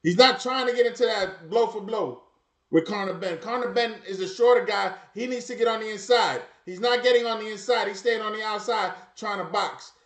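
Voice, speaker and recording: A man's voice: high voice, a little fast, fairly bright tone, echoey room. A man hosting a live boxing watch party, commentating emphatically and repeating his phrases over and over.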